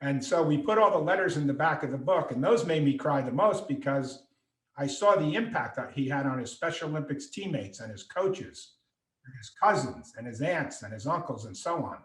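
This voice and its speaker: A middle-aged man whose voice sits on the high side tells a story at a moderate pace over a video call. An author and speaker, he acts out each quoted voice with animation, and the room he's in echoes.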